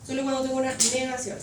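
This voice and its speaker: A woman teaches a grammar lesson in a high voice, stopping often to check that her students follow. She sounds distant in a very echoey classroom with noise around her. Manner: patient, checks understanding with frequent questions. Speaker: English teacher. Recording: echoey classroom from far off, noisy.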